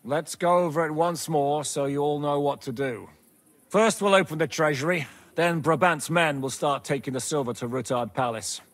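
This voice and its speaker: A man's voice: a little high, normal speed, fairly bright tone, close to an everyday voice. A man voicing a rebel captain briefing his men in a game cutscene, commanding and decisive.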